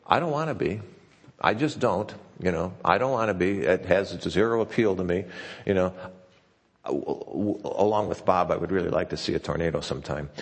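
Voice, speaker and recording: Deep gravelly pastor in a reverberant hall. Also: male voice, expressive, normal speed. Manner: conversational and folksy, with frequent restarts. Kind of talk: sermon. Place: church sanctuary.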